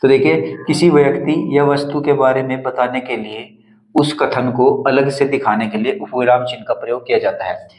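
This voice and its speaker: A man's voice: medium pitch, moderate pace, darkish tone. A male Hindi teacher explaining punctuation on a whiteboard, step by step, repeating each example. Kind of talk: whiteboard grammar lesson. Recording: echoey room, slightly dull sound.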